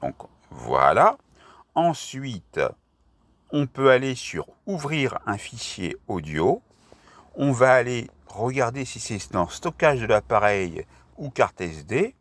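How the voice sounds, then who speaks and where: Slow-paced man narrating an app tutorial. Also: medium pitch, very animated, a bit bright, no echo. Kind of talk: step-by-step screen tutorial narration.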